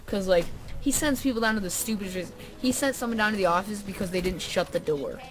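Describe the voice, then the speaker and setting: A woman's voice: mid-range voice, quick pace. A young woman vlogger telling a story casually to camera, full of "um" and "like" fillers, with dry sarcastic asides.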